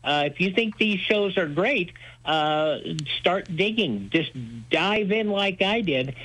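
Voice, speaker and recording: Poor audio captures a man with a slightly bright, somewhat high voice. Interviewed as a radio host, he gets excited discussing old-time radio, spinning his stories with emphatic, folksy flair.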